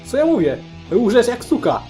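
A man voicing an enraged, humiliated teenage boy who yells and curses. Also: on the high side, sing-song, fairly quick, soft background music. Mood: raging. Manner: shouting, swearing, bitter.

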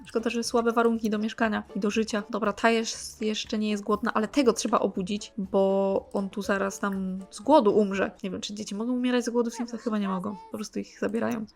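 A woman's voice: mid-range voice, little pitch movement, brisk, creaky, hardly any pauses, a little mellow, soft background music. A young woman commenting on her gameplay in a casual, exasperated way, scolding the characters on screen with sarcastic asides. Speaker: gaming channel host.

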